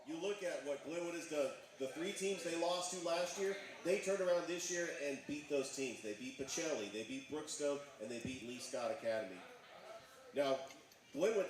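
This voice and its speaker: A man co-hosting a live sports talk show, giving measured, stat-heavy analysis of teams. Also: a little high. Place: bar and grill. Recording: echoey, distant mic in a noisy bar.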